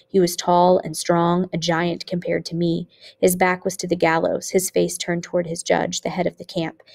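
Woman teacher reading a book aloud, low voice w some vocal fry, steady pace. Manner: steady, measured reading with occasional small slips. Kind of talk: audiobook narration.

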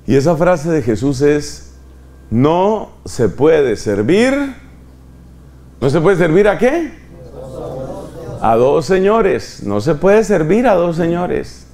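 A man's voice: fairly high pitch, big pitch swings, slow. Impassioned male preacher, raised voice. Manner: impassioned, rising to near shouts on key lines. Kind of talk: sermon.

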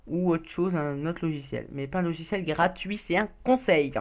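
A woman's voice: low-pitched, normal speed. A woman giving casual beginner tips as a voice-over, reading from notes, often stumbling, restarting and laughing at her own slips. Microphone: home recording mic.

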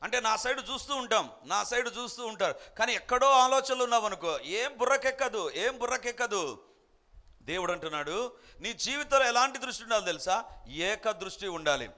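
High, bright-voiced preaching man. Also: fairly quick. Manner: animated storytelling preacher, rising to emphatic exhortation. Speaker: pastor. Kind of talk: sermon.

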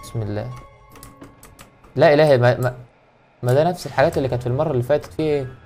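Racing along in a mellow, mid-range voice, a young Egyptian gaming YouTuber narrates a horror game over faint background music. He jokes a lot, and his Egyptian Arabic accent comes through as he mutters prayers at each scare.

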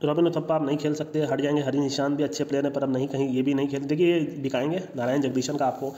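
A man rattles through casual commentary over slides at a quick clip, making confident, opinionated calls and slipping English phrases into his sentences. His voice is dark and mellow, and it sits in a roomy space with a long reverb tail and a dull, lo-fi sound. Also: mid-range voice, fairly even intonation. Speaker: cricket analyst. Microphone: voice-over, no speaker seen. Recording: echoey, dull lo-fi room sound.

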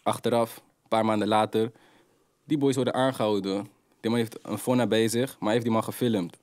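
A young adult man, a rapper guest telling street stories in animated, slang-heavy casual talk. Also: on the low side, fairly quick, no room sound, studio quality. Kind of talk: casual interview storytelling.

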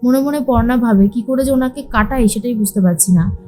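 Female narrator for a soap recap: fairly high, mellow delivery over soft background music. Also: brisk. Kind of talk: storytelling recap of a TV serial, quoting characters.

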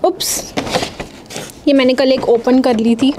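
A young woman in her twenties with an Indian accent, chatting quickly through a clothing haul and switching between Hindi and English. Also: sits high, fairly even intonation, background noise. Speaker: fashion vlogger. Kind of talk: try-on haul chat.

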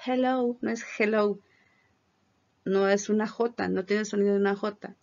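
A woman teaches English greetings and explains their pronunciation clearly, modeling each phrase slowly. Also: medium pitch, level tone, darkish tone. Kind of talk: classroom pronunciation lesson. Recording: dull lo-fi recording.

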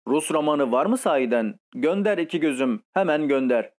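Storybook figure: a bossy, spoiled old countess who scolds and commands, read by a man in a slightly high voice. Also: animated, moderate pace, natural voice. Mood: fussy. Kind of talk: audiobook reading.

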